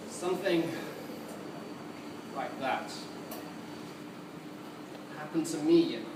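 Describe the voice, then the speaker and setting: A man playing a mad, theatrical supervillain clown in a dramatic, mocking stage monologue. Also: high voice. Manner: theatrical, mocking, dragging out words for emphasis. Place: large cinema auditorium. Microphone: distant recorder in the room. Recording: echoey, noisy hall recorded from far off.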